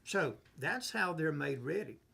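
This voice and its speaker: A man, a pastor, leading a relaxed Bible study, reading verses aloud and explaining them, asking and answering his own questions. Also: on the high side, vocal fry, breathy edge. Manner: unhurried, asks himself questions and answers them. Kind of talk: conversational Bible teaching.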